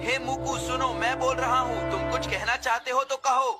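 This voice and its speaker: A woman's voice: high voice, steady tone, moderate pace, natural voice. A woman voicing an emotional, impatient young schoolboy in a cartoon dub, pleading and exclaiming in a whiny way. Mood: urging. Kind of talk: Hindi cartoon dub acting. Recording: loud music under the voice.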